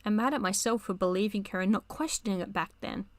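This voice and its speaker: A woman's voice: medium pitch, fast talker, dry recording, close to an everyday voice. A woman reading the lines of a guilt-ridden, anxious young male lawyer from a chat log, in a dry close sound. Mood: remorseful. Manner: read aloud from a chat log.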